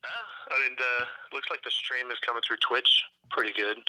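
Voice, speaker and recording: A man heard over a speakerphone as a stream guest, giving brief, calm replies while checking a technical problem. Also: mid-range voice, normal speed, no echo, low-quality recording. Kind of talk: casual tech troubleshooting chat.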